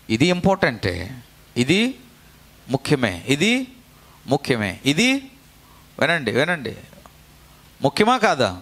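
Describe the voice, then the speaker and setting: A man's voice: medium pitch, a bit bright. A man preaching a sermon as a pastor, exhorting the congregation with repeated phrases and calls for them to answer back. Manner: preaching with call-and-response to the congregation; repetitive, exhortative delivery.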